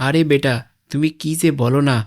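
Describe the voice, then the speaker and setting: A protective cartoon father, voiced by a man talks forcefully and never backs down. He sounds like an everyday man with a mid-range voice. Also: mid-range voice, steady tone, brisk, lightly acted. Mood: defiant. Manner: forceful, pleading when cornered. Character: brave young father, protective and defiant. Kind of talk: animated game-parody voice acting.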